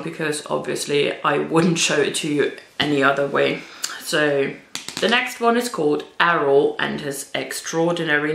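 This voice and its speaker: A woman's voice: sits low, creaky, a bit bright. A woman chatting informally in a casual vlog style as she recommends books, with self-deprecating asides. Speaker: children's book reviewer. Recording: roomy, echoey indoor sound.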